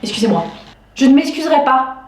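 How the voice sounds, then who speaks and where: A woman in her twenties telling a story in a casual video diary, animated and exasperated, talking straight to her viewers. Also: sits high, a little fast, roomy sound, noisy background. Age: 20s. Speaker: vlogger.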